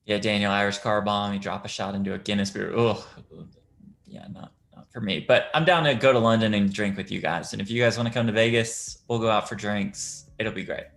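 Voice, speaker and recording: A man's voice: on the low side, fairly even intonation, a little fast, creaky, fairly bright tone. An American man hosting a poker stream, upbeat and joking, reading the chat aloud. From United States. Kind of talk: casual host banter.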